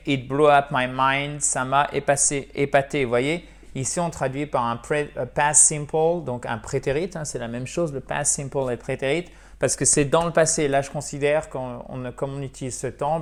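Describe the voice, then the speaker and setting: A man giving a video English lesson in French, explaining verbs and slowly modelling English example sentences. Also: medium pitch. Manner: addresses viewers as dear friends. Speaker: English teacher.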